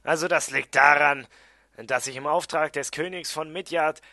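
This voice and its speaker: A man's voice: on the high side, normal speed, no room sound, clean studio sound, pitched above the performer's own voice. A man voicing a small, irritable male dwarf prisoner in an audiobook. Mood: explaining. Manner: irritable, loud.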